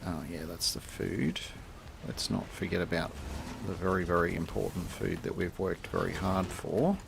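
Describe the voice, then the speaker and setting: Deep, gravelly Australian man streaming a game. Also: steady tone, moderate pace, background noise. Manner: rambling, thinks aloud, chats to game animals. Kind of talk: casual gameplay commentary.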